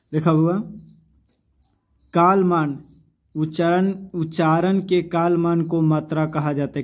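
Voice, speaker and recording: A man teaching in a relaxed, conversational way, speaking. His voice is mellow and sits a little high, and he often stops to ask questions and go over points again. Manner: addresses students affectionately, repeats and asks questions. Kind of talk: casual classroom explanation.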